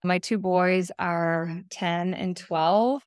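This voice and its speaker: A woman in her thirties appears as a podcast guest, candidly telling her recovery story in short, plain sentences with an earnest, reflective manner. Her voice is fairly low and clean, with fairly even intonation and drawn-out words. The studio-quality recording has no room sound.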